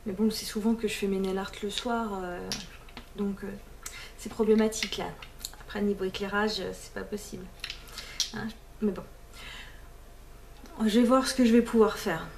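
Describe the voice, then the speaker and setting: A woman vlogging at home in a relaxed, rambling way, full of fillers and restarts and the odd English word. Her voice sits at an ordinary middle pitch. A faint hiss hangs under the recording. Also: moderate pace, pauses often. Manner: chatty, many fillers and restarts, mixes in English words. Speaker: beauty vlogger. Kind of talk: casual chat to camera.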